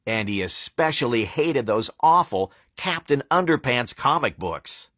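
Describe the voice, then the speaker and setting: A man narrating a children's storybook in a playful, animated way, with dramatic pauses. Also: medium pitch, dry recording.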